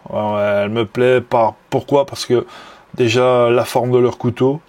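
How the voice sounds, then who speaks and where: This knife hobbyist vlogger from Belgium speaks with a Belgian French accent in a mid-range, a little mellow voice, steady in tone and a little slow, on a dry recording. Casually reviewing a knife on video, he's hesitant, stumbling through fillers and restarts while admiring it enthusiastically.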